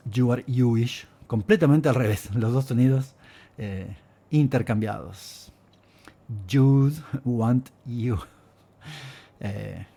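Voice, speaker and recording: A man's voice: mid-range voice, dark tone, breathy edge. A man giving a casual video lesson as a Spanish teacher, thoughtful and given to repeating himself. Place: Valencia, Spain.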